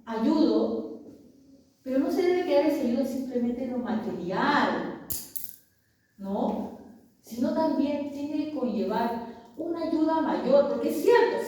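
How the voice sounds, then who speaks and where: A woman's voice: high-pitched, darkish tone. A woman preaching a sermon, asking her congregation questions and calling them brothers. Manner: asks the congregation rhetorical questions; addresses listeners as brothers. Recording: very echoey room, voice far from mic.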